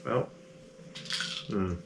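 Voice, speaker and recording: A man playing in a tabletop game, speaking casually and hesitantly. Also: drawn-out words. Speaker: player. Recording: roomy with faint noise.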